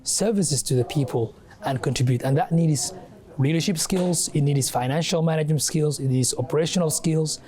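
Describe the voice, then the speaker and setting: A young man from Somalia, a guest adviser and academic, answering interview questions in a halting way with many fillers and restarts. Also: a little high, warm tone. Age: young adult.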